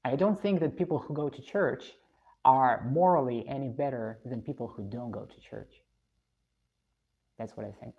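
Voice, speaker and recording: A woman's voice: very deep voice, normal speed, highs cut off. A woman from Russia, live streaming, reading viewer comments and giving blunt, opinionated views.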